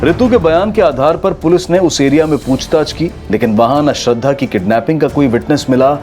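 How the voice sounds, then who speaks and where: A man's voice: fairly high pitch, a little fast. Grave male crime-show narrator. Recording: music bed under voice-over.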